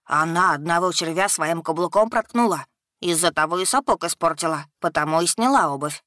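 A woman voicing a talkative, restless young male dragon student who speaks loudly and excitedly. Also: lowish voice, a little fast, no echo, clean studio sound. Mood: pushy.

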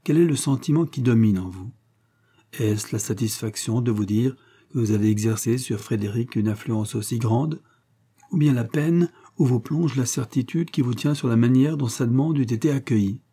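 A man reading aloud, voicing a lively, teasing young woman with a slightly raised pitch. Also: normal speed, breathy edge, lightly acted. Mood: earnest.

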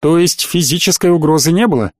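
A man's voice: on the high side, brisk, no echo, clean studio sound, lightly acted. A man voicing a stern military colonel who questions in a cold, hard tone, in an audiobook. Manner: cold, interrogating.

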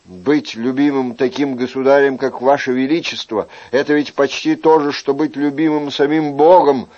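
A man's voice: medium pitch, little pitch movement, normal speed, darkish tone, dull audio, close to an everyday voice. A man reading an audiobook, voicing an earnest, lovesick young male courtier in a fervent, pleading manner.

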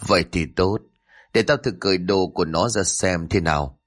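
A man's voice: low voice, normal speed. A man voicing a cold, brutal male gang leader in a spoken story, with a menacing delivery.

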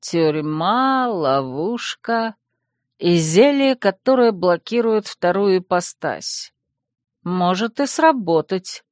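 A man's voice: on the high side, normal speed, dry recording, natural voice. A woman reading an audiobook, voicing a clever, teasing young male fox shifter with a dry, mocking drawl.

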